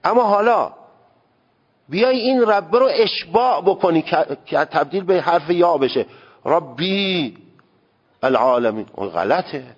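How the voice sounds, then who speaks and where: A man with a fairly high voice gives a seminary lecture on religious law. He speaks emphatically and sounds out Arabic words to show the correct pronunciation. The recording is dull and lo-fi, with a long hall echo. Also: lively intonation, slightly rough. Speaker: seminary teacher.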